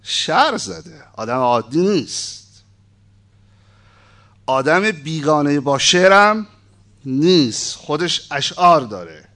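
A man's voice: fairly high pitch, very animated, pauses often, fairly bright tone. A man giving an informal lecture, reading a text aloud and breaking off into conversational, wry asides. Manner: conversational, asides and wry humor between read passages.

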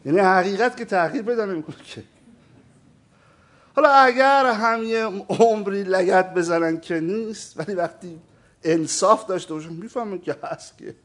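A man's voice: sits high, a bit bright. A man teaching a theology lesson, speaking emphatically and often putting questions to his listeners. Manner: emphatic, keeps asking the audience questions; addresses listeners as "sir". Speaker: religious teacher. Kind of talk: lecture on theology.

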